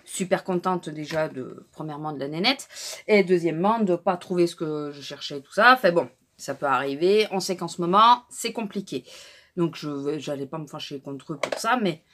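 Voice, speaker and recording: A woman's voice: fairly low pitch, slight background noise. A woman chatting casually in a haul vlog, telling an indignant story with lots of fillers and restarts. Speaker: vlogger.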